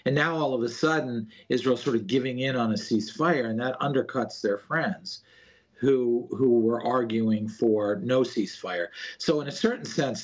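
A man speaks as an analyst in a news interview. His voice is husky and mid-pitched, with a slightly dull recording. He explains his points haltingly, often doubling back on words. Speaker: political analyst interviewed as a guest.

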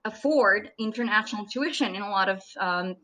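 A woman's voice: medium pitch, normal speed, bright, forceful tone, low-quality recording. A woman in her thirties from Serbia, a native Serbian speaker, chatting as a surgeon guest in an interview and laughing often. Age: 30s. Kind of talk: casual interview chat.

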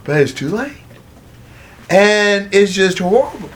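Lively, animated male preacher. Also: sits high, slow pace, slight background noise. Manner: animated, conversational retelling. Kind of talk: conversational sermon.

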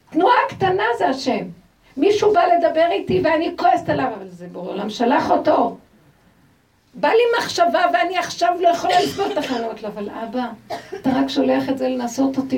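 A woman teaching a religious lecture to a group, expressive and asking the audience rhetorical questions. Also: high-pitched, gravelly, recorded from a distance. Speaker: Torah teacher.

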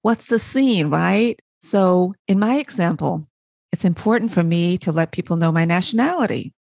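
A woman from Barbados hosting a motivational podcast. She asks rhetorical questions, answers them herself and often checks in with a quick "right?". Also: on the low side, lively intonation, gravelly, a little mellow, dry recording. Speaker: podcast host.

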